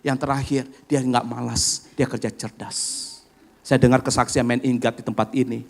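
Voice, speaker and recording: A middle-aged man preaching a sermon as pastor, lively and acting out family conversations while addressing the congregation directly. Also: medium pitch, normal speed, gravelly. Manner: animated preaching, acts out family dialogue, addresses congregation as "saudara".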